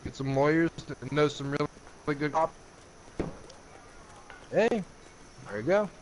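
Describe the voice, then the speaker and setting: A man's voice: on the high side, a little slow, slight background noise, low-quality recording. A man co-playing a video game, giving blunt, joking advice and swearing freely. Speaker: co-player. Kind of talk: casual gameplay chat.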